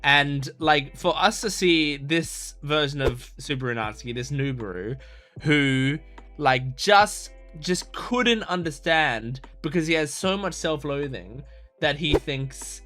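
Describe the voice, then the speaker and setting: A man hosts an anime reaction video with soft music behind him, his voice a little high, expressive and sharp-toned as he takes his time. His casual, reflective commentary rambles, full of "like" fillers and restarts, yet stays earnest and thoughtful.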